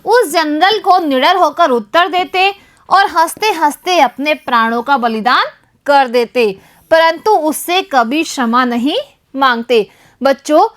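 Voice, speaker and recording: A woman explains a Hindi lesson to young pupils with a high, bright voice. She talks slowly and patiently and often turns to the children directly. She stresses her sounds carefully, the way a primary teacher does. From Rajasthan, India. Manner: addresses pupils repeatedly, stresses syllables slowly and deliberately.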